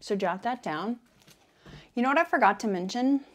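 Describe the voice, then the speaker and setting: A woman playing a quirky female devil in an ASMR role-play, talking in a playful, deadpan ramble with frequent self-interruptions. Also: a little high, moderate pace. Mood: smug, playful. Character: quirky female devil welcoming a newcomer to hell.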